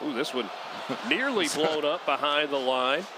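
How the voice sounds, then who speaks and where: A man calling a football game as play-by-play announcer, brisk and rising sharply on big plays. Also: fairly high pitch, expressive, noisy background. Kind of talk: live sports commentary.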